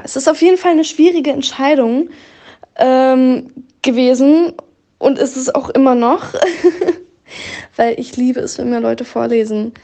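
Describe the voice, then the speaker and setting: A woman on a jury giving feedback, pausing often with filler sounds. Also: on the high side, dark tone. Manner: frequent ähm fillers. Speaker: jury member.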